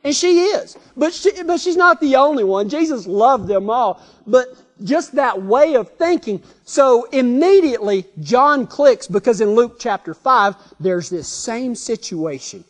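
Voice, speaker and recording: A preacher with a Texan drawl tells stories in a folksy, rambling way, restarting sentences, correcting himself and chuckling. His voice is high for a man, rising and falling at an animated but measured pace, with a long echo from a big hall.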